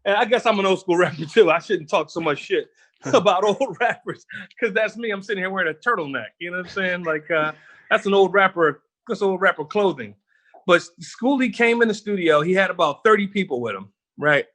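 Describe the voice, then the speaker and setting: A middle-aged man from Philadelphia with a high, ringing, bright voice tells stories in a casual interview. He is animated and laughs often, swearing freely as he goes. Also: brisk. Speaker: guest, rapper. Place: home kitchen while cooking.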